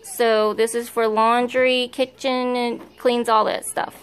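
A woman's voice: a little high, flat delivery, slow pace, smooth. A woman giving a casual, rambling how-to demonstration in her home kitchen, often correcting herself as she talks into a phone camera. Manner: chatty, rambling, self-correcting. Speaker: home video maker.

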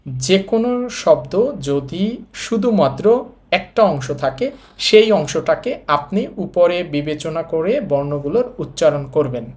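A man's voice: fairly high pitch, a little mellow. A man with a Bangladeshi Bengali accent teaching a language lesson, walking viewers through each letter patiently and repeating key points as he writes them out. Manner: patient, repetitive, addresses viewers directly. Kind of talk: step-by-step lesson explanation.

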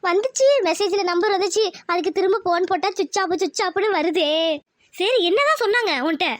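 A woman's voice: extremely high pitch, quick pace, no room sound. A woman voicing a scheming village mother in a cartoon, who wails and repeats her laments. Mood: pleading. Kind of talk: cartoon voice acting.

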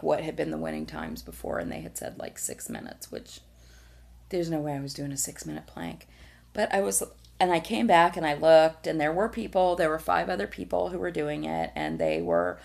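Middle-aged female vlogger, gravelly and animated, casual rambling chat. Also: sits low. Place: small hotel room, indoors.

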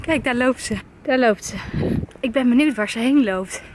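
A woman's voice: on the high side, unhurried, background noise. A woman in her twenties filming a family vlog, coaxing her toddler in a sing-song way and laughing often. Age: 20s. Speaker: family vlogger and mother. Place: at home and outdoors on the street.

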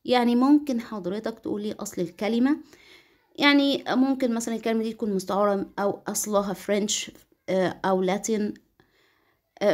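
Egyptian woman, middle-aged English teacher, slightly high voice, patient classroom explainer. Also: darkish tone. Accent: Egyptian Arabic. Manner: patient, speaks English phrases slowly and clearly. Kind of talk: explaining lesson to children.

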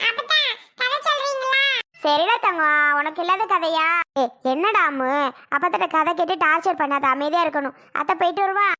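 A woman's voice: very high-pitched, fairly quick, sharp tone. A woman acting in a homemade family drama skit, trading emotional, scolding and pleading household dialogue.

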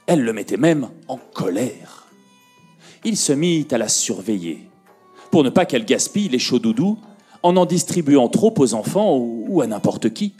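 A man with a husky voice telling a fairy tale to a conference audience. He speaks slowly and very expressively, swinging his pitch up and down, with faint music behind him. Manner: slow, expressive, rising and falling for effect. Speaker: storyteller. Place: conference room.

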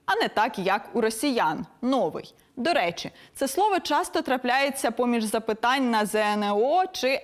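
A young woman presenting a scripted language lesson in a crisp, didactic and lightly playful manner. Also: on the high side.

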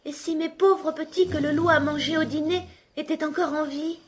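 A woman voicing an old mother goat in a children's story, gentle and warning. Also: high-pitched, steady tone, normal speed, slight background noise, voice pushed up, lightly acted. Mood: worried.

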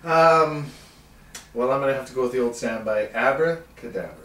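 A man's voice: mid-range voice, moderate pace, a bit bright. A man bantering casually as a volunteer in a stage show, giving brief, joking replies. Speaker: audience volunteer in a magic show. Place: indoor room with small stage setup. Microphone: far camera. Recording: roomy, distant camera mic.

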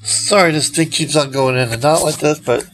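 Standing outside by a brick building, an older vlogger of about sixty speaks casually and haltingly into a handheld phone at arm's length, his sentences often fading out. He nearly lost his voice to a recent illness and is still getting it back. His voice sits slightly high and a bit bright, with a little hiss or hum.

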